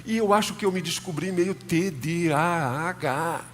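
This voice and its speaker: A male pastor with a Brazilian Portuguese accent delivers a sermon, speaking straight to his congregation in a relaxed, conversational way. His voice sits a little higher than most men's. A faint hum runs underneath the recording. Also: measured pace. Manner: conversational, addresses the congregation directly. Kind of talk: sermon with church announcements. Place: church sanctuary.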